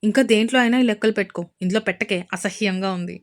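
A woman's voice: medium pitch, fast talker, natural voice. A woman voicing a playful young husband in a romance audio story, teasing and mock-scolding his wife.

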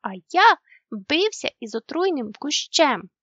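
A woman voicing a brave, eager young male moomin troll in a storybook reading, with excited exclamations. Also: sits high, moderate pace, breathy edge, no echo, dull audio, full character voice.

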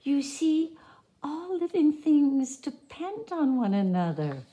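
A woman voicing a busy buzzing bee in a storybook, bright and explaining. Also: high voice, very animated, takes it slowly, dull audio, voice pushed up, full character voice. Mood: cheerful.

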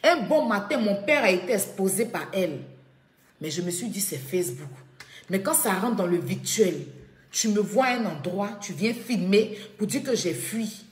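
A woman's voice: medium pitch, expressive, moderate pace. A woman speaking on a live video from her home, indignant and repeating her points with emphasis. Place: at home, echoing room. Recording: echoey room.

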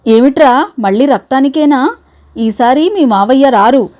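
A woman voicing a fretful, sharp-tongued older wife, sarcastic and anxious, in a read-aloud story. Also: fairly high pitch, moderate pace, lightly acted. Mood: scolding.

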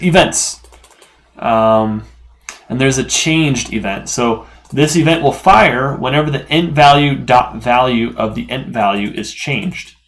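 A man walks through a coding lesson in a relaxed, unscripted way, thinking aloud and correcting himself as he goes. His voice sits at an ordinary middle pitch for a man. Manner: casual, thinking aloud with fillers and self-corrections. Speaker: programming tutorial host. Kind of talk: screen-recorded coding lesson.

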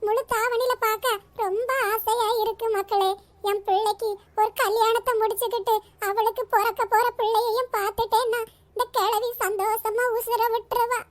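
A woman's voice: very high-pitched, fairly even intonation, normal speed. A woman voicing a doting old grandmother in a cartoon, fond and teasing, chuckling as she talks. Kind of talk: cartoon voice acting.

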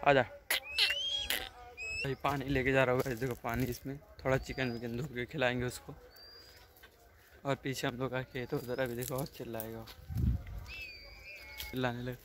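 A man's voice: mid-range voice, little pitch movement, moderate pace, pauses often, background noise. A man vlogging casually outdoors near trees and a farm, chatty and always telling viewers to look. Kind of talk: casual vlog narration. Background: birds and animals calling.

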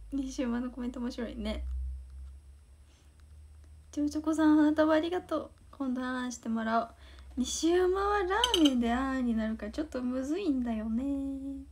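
This Osaka teen idol has a high-pitched, somewhat mellow and husky voice. Bashful and prone to giggling, she chats in a Kansai accent during her livestream, going through fan comments and offering thanks.

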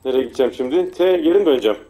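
A man casually commenting on his own gameplay, muttering to himself and getting frantic and loud when chased. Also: mid-range voice, animated, very fast. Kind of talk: casual let's play commentary.

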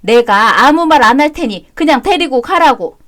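A woman doing a shrill scolding mother-in-law. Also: animated, moderate pace, fairly bright tone. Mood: complaining. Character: bossy older mother-in-law, sharp and scolding.

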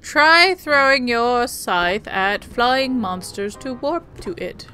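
A woman's voice: a little high, lively intonation, takes it slowly, bright, forceful tone, soft background music. A woman doing casual game playthrough commentary as a streamer, playful, with sing-song little sounds.

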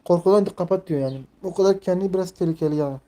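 A young man in his twenties hosts a casual live stream, talking in a mellow, soft-edged tone. He rambles, leans heavily on fillers and reads the chat aloud as he goes. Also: high-pitched, racing. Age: 20s.

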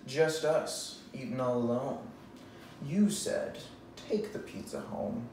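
A young man giving a mock-serious dramatic reading, with the hammy, theatrical pauses of a stage actor. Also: mid-range voice, darkish tone. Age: young adult. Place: indoors in a bare, echoey room. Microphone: distant camera microphone. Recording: very echoey room, far microphone, faint noise.

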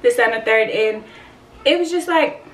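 A woman's voice: fairly high pitch, lively intonation, normal speed, fairly bright tone. A woman in her twenties telling a personal story in a casual vlog, blunt, emotional and full of swearing. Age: 20s. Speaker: vlogger. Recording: roomy echo, distant from the mic, faint ambient noise.

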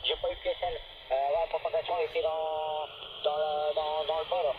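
A man's voice: a little high, little pitch movement, normal speed. A man chatting casually over walkie-talkie radio as an amateur operator, using call signs and jargon. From northern France. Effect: heard over walkie-talkie radio. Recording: muffled, noisy two-way radio transmission.

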